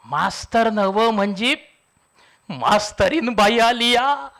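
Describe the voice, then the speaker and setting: A drawling village gossip, put on by a male storyteller, lifts his voice well above the narrator's and spins each word out slowly. He rambles and dawdles over his news. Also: extremely high pitch, bright, forceful tone, voice pushed up, heavily acted. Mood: teasing. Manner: drawn-out, dawdling delivery. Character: slow, rambling village man bringing gossip.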